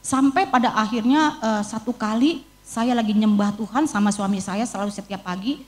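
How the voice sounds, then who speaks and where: At a normal speed and medium pitch, a middle-aged Indonesian-accented woman preaches, recounting her own experiences with deep feeling. Her sermon doubles as a testimony, and she repeats her own prayers word for word.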